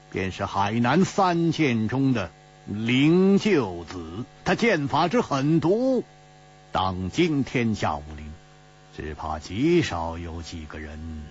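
Man playing a relaxed, amused young adventurer, storytelling audiobook, slow and lively. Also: fairly low pitch. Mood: grave. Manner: amused, musing. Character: easygoing, curious young male adventurer. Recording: slightly dull recording with faint hum.

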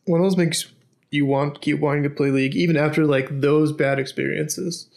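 A young man streaming from a small room at his desk, talking casually and haltingly, thinking aloud with lots of fillers. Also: a little high, steady tone, gravelly, darkish tone. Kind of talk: casual live-stream commentary.

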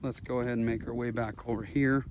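A man's voice: mid-range voice, flat delivery, fast. A man giving an unscripted walk-along narration for a video, recorded on a handheld phone outdoors on a mountaintop. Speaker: video host. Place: outdoors on a windy rocky mountaintop. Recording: very loud wind noise on phone microphone.

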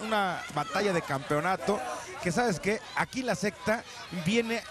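A man's voice: sits high, animated, a little slow. A Mexican man giving bantering live wrestling commentary from ringside in a very noisy outdoor arena. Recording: very noisy open-air arena broadcast.

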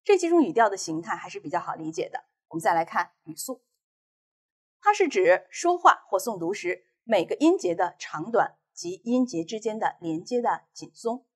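Female teacher from China, recorded class lecture, measured and clear, lively pitch, a bit husky. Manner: clear, measured explanation of reading techniques.

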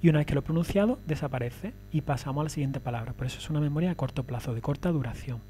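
A man's voice: fairly high pitch, very fast, dark tone, a little hiss or hum. A man giving a recorded lecture, explaining step by step and often checking that listeners follow.

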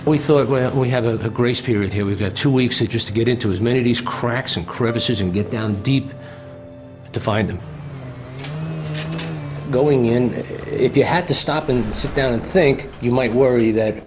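A man's voice: medium pitch, moderate pace, over music. A man, a father who joined the search, earnestly recalling going into the rubble. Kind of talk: interview recollection.

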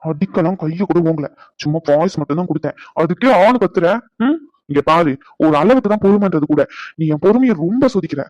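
A man's voice: sits high, expressive, fairly quick, dry recording, muffled recording. A man voicing a stressed young husband in a cartoon, scolding his wife in long rants. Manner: scolding rants, softening into comfort. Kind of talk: cartoon voice acting.

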